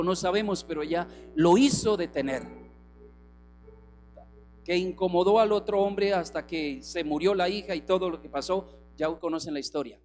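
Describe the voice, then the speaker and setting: A man preaching a sermon as a pastor. He acts out the figures he quotes and swings between strong calls and soft, hushed passages. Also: on the high side. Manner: preaching with acted quotes, rising and dropping to soft tones. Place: church hall. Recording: reverberant hall with music.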